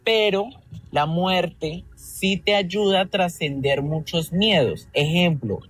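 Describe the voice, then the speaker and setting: A man from Antioquia, Colombia calls into a radio show on speakerphone, rambling earnestly about his devotion as part of a call-in story. His voice is high and a bit bright with a breathy edge, and he speaks slowly with no echo.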